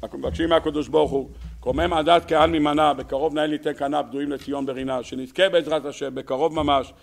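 A man delivers a storytelling sermon as a rabbi. His voice sits a little high with a gravelly edge. At the quoted lines it rises steeply and grows loud, then falls back to a quieter teaching tone. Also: fairly even intonation.

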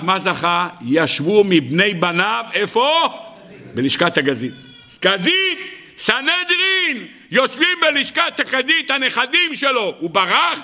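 High, bright-voiced animated rabbi. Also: male voice. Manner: animated storyteller, voices characters, rhetorical questions. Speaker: rabbi giving a Torah lesson. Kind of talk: lively Torah sermon with acted-out dialogue.

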